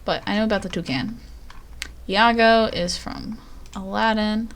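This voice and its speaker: Woman, live streamer, casual chatty talk, self-mocking, rambling, mid pitch. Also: unhurried.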